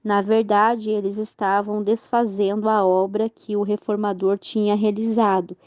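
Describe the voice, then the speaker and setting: A woman's voice: medium pitch, level tone, moderate pace, darkish tone, no echo, muffled recording. A woman reading a religious book aloud as narrator, carefully and with occasional self-corrections.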